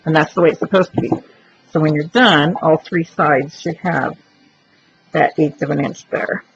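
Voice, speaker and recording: A woman's voice: low voice, fairly even intonation, normal speed, gravelly. A woman giving a chatty step-by-step crafting demonstration, explaining each move aloud as she works. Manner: chatty, explains while working, thinks aloud. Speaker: craft tutorial presenter. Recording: dull lo-fi recording with faint noise.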